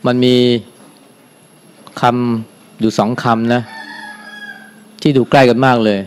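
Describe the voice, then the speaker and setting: An older man, a Buddhist monk, giving a dharma talk in a calm, unhurried way, softly ending his phrases with a gentle particle. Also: medium pitch, slight background noise. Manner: calm, unhurried, adds a soft "na" at the end of phrases.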